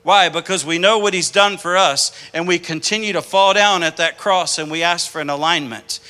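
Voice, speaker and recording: A male pastor preaches with an impassioned, storytelling manner. His voice sits high for a man and sounds bright and forceful. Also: moderate pace, clear, resonant tone. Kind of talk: sermon.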